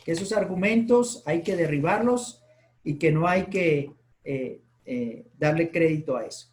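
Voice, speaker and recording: A man's voice: a little high, unhurried, darkish tone. A male pastor preaching a Sunday sermon, acting out the Bible dialogue in quoted voices.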